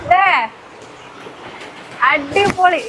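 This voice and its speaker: High-pitched woman vlogging over outdoor noise. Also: drawn-out words. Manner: exclamatory, mixes English words into Malayalam. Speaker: travel vlogger. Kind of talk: casual spoken vlog commentary. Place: mostly outdoors on a trek. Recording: noisy outdoor recording with vehicle-like rumble.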